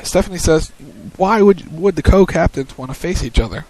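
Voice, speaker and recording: A man's voice: a little high, lively intonation, normal speed, a little mellow, poor audio. A man co-hosting a wrestling post-show on web radio, recapping segments and calling matches like a commentator. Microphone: studio mic on a web radio show.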